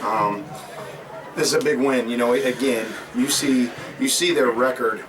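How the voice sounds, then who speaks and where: Outdoors at a stadium after a game, a head football coach gives a postgame interview while still catching his breath from running. His medium-pitched voice is fairly even and measured, earnest and repetitive with many ums. A distant mic picks up a loud crowd and background noise.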